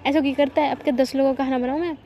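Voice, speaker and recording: A woman voicing a sharp-tongued young woman who scolds and teases, in a dull lo-fi recording. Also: high-pitched, steady tone, very fast, slight background noise, close to an everyday voice. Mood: scolding.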